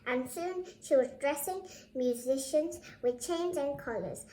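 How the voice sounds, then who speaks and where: With a high, slightly mellow voice, a child presenter reads a storybook to viewers, talking to them directly and dropping in short asides. There's a little background noise, and the indoor audio echoes.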